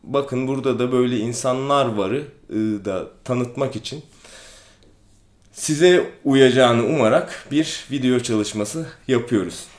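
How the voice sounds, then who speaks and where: A man, an aikido instructor, explains things calmly in a casual vlog, with many hesitant fillers. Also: medium pitch, unhurried. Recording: echoey room.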